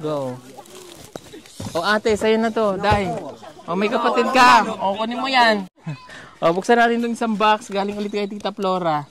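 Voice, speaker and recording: A man with a Mindanao Filipino accent and a very high voice hands out gifts outdoors in a rural village. He talks casually, bossy and joking with the kids. A crowd chatters all around him. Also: moderate pace, long pauses. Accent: Davao, Mindanao Filipino. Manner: bossy, joking and teasing with children. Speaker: vlogger handing out donations. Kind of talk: casual outdoor vlog talk. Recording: crowd noise around the speaker. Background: villagers and children chattering.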